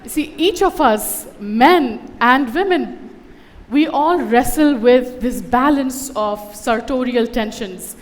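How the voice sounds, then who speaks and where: Her voice is a little high and animated but slow, with a big-room sound around it. She's a conference speaker who grew up in Dubai, offering the audience a witty, conversational personal talk laced with wry asides from the stage.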